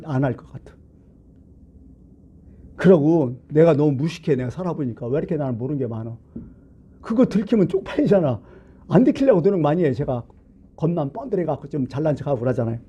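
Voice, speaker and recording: A man preaching a Sunday sermon as pastor, talking conversationally and asking the congregation questions, jumping between loud emphasis and hushed asides. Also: fairly high pitch, slightly rough, muffled recording.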